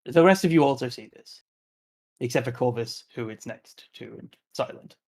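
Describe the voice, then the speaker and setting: A man narrating a tabletop role-playing game as its game master. He speaks in a mid-range voice and takes his time, filling pauses with ums and likes. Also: mid-range voice, gravelly, darkish tone, slightly rough. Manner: measured, unhurried narration with filler words.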